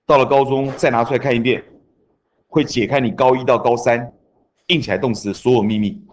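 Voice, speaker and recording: A man's voice: mid-range voice, fairly even intonation, a little fast. A man, teaching an English class and drilling grammar rules with chanted mnemonics. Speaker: junior high English teacher. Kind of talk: classroom lecture.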